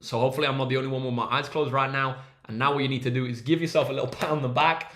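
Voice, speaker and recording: A man's voice: medium pitch, steady tone, rapid-fire, fairly bright tone, a little hiss or hum. A young man, a maths tutor hosting a casual livestream, upbeat and encouraging as he reads out viewers' names from the chat.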